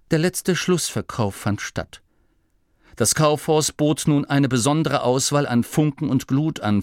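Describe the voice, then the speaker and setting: A man narrating an audiobook in a measured, expressive way. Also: mid-range voice, no room sound, studio quality. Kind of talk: scripted narration.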